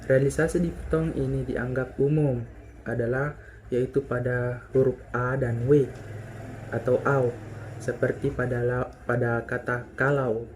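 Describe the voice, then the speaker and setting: A young man giving a class presentation, slowing down carefully to pronounce example words. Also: mid-range voice, level tone, a little mellow, slight background noise. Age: young adult. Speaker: student presenter.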